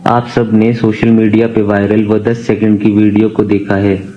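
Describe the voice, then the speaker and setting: A man speaks as a doctor in an earnest, aggrieved way, often repeating his phrases for emphasis. His voice is mid-pitched. The recording is dull, with faint noise behind it. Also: mellow. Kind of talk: video statement.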